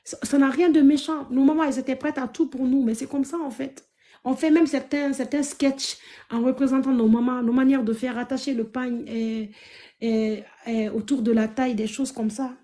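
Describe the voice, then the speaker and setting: A woman from Africa talks straight to her viewers on a live stream. Her voice sits somewhat high yet sounds warm and mellow. She stresses her points loudly and pleads with her audience. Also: steady tone, normal speed. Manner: emphatic, loud, pleading.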